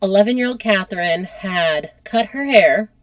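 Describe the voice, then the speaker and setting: A woman's voice: mid-range voice, moderate pace, no room sound. Casual female podcast host, conversational history storyteller, dry close mic. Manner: chatty, animated, uses lots of "like".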